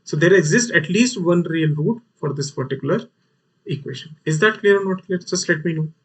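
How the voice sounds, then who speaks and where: Husky North Indian man teaching, slightly distant. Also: on the high side, a little fast. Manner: repeats phrases for emphasis. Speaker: mathematics teacher. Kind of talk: live online lesson, explaining worked problems. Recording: voice sounds distant from mic.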